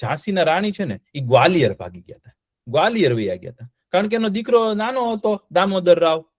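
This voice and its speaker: A man's voice: high voice, fairly quick, dry recording, studio quality. Man telling a history story to children. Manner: lively, often quizzes the children with check-in questions.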